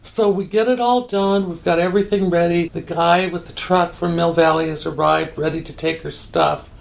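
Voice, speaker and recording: A woman's voice: on the low side, moderate pace, gravelly. An older woman being interviewed, telling a story candidly and acting out the quoted dialogue. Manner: animated, acts out quoted dialogue.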